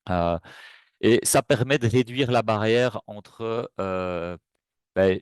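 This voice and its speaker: A man's voice: fairly low pitch, slow pace, smooth, dry recording, studio quality. A man presenting a webinar in a casual, hesitant way, with many fillers and restarts. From Belgium.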